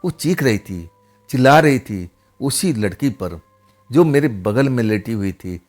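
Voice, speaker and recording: A man narrating a first-person horror story in a conversational way, with frequent pauses and tag questions. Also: mid-range voice, lively intonation, a little mellow, faint music behind.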